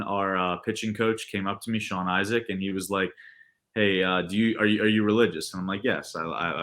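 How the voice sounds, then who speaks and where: A man's voice: low voice, bright, forceful tone. A young man in his twenties answering podcast interview questions in an earnest, rambling way, full of restarts and fillers. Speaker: podcast guest, baseball pitcher.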